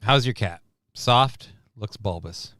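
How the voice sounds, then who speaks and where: A man's voice: on the low side, takes it slowly, fairly bright tone, no echo. Sarcastic guy rambling on a stream, swears a lot, clean dry sound. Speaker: co-host. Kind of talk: casual chat.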